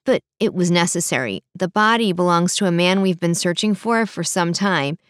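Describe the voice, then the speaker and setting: A woman voicing a calm, measured male police officer in an audiobook. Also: fairly low pitch, clean tone, dry recording, clean studio sound, close to an everyday voice.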